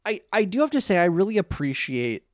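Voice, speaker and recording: An easygoing man co-hosting a relaxed podcast chat. He laughs often, and his pitch rises and falls freely as he talks. His voice is dry and close, with no room sound. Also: a little fast, no room sound. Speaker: podcast co-host.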